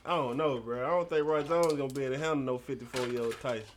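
A man co-hosting a podcast in casual chat, talking in animated slang and often laughing. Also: mid-range voice, racing, a little hiss or hum. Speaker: podcast co-host.

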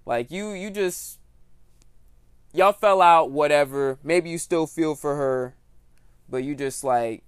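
A young American man chatting casually as a podcast host, with a slangy, animated way of talking. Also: a little high, takes it slowly, pauses often, clean tone, no echo, clean studio sound. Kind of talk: casual chat.

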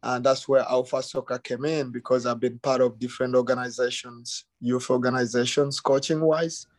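Middle-aged Ugandan-born man, easygoing guest, dry close mic, mid pitch. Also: moderate pace, no room sound. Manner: relaxed, many fillers like "you know" and "um". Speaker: youth soccer academy director, guest. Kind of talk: casual interview.

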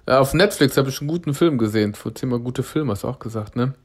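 Gesprächiger Mann mit mittlerer Stimme. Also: male voice, mid-range voice, quick pace. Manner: chatty, enthusiastic and ironic. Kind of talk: casual chat.

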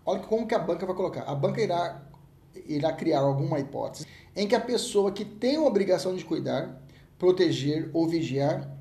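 A man's voice: sits high, echoey room. A Brazilian man teaching criminal law in an emphatic exam-prep lecture, often checking whether his students have understood. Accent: Brazilian Portuguese. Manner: lively, emphatic, rhetorical questions to students.

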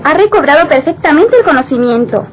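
Calm frank nurse, high voice, old radio drama, dull noisy recording. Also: female voice, fairly quick. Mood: calm, informative.

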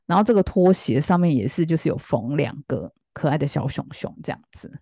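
A woman's voice: sits low, lively intonation, a little fast, gravelly, warm tone, no echo, studio quality. A woman, telling a story in a chatty way, full of fillers, and acting out the quoted lines. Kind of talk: casual storytelling.

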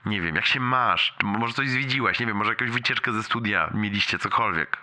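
A young man leaving a casual, rambling voicemail for a friend, slangy with bits of English mixed in, halting and repeating himself. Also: lowish voice, sharp tone. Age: young adult.

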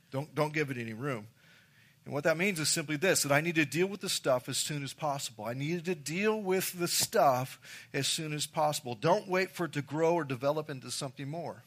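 A man's voice: a little high, a bit bright. A man preaching a sermon as pastor, emphatic, repeating key phrases and addressing the congregation directly.

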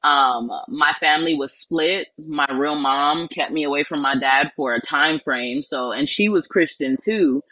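A woman from New Orleans, a spiritual life coach, telling her life story in an earnest, reflective way with many pauses and ums. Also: deep voice, pushed and bright, no echo, muffled recording. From New Orleans, Louisiana. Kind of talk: personal storytelling in an interview.

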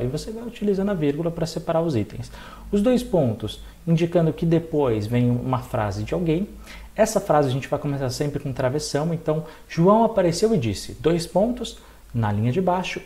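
Animated Brazilian teacher, lively pitch. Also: male voice. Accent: Brazilian Portuguese. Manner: lively, asks and answers his own questions. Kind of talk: recorded exam-prep lesson.

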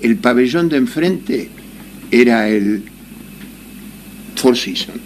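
A man's voice: mid-range voice, animated, slow, slight background noise. A man with an Argentine accent telling a casual anecdote, laughing often and acting out the voices of people in his story. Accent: Argentine Spanish.

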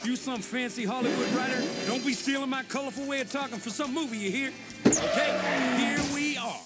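An actor playing a goofy, boastful, cheerful race driver with a folksy drawl in a cartoon. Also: male voice, very high voice, brisk, loud music behind the voice. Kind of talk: cartoon voice acting.

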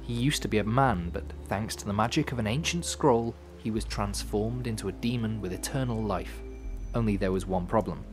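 A man hosting a podcast with scripted storytelling narration, in measured, dramatic phrasing with dry asides. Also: lowish voice. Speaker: podcast host. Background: music.

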